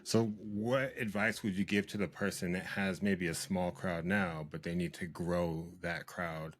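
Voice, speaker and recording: A man hosting an interview show, asking questions in a relaxed, casual way with some slang. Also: low-pitched, unhurried. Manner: relaxed, uses slang like bro. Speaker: podcast host.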